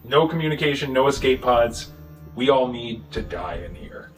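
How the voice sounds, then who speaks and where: A man casually recapping a movie plot, swearing and joking, with quick voices for the characters. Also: mid-range voice, lively intonation, distant mic, soft background music, poor audio. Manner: profane, jokey retelling with quick voices for characters. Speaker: podcast co-host.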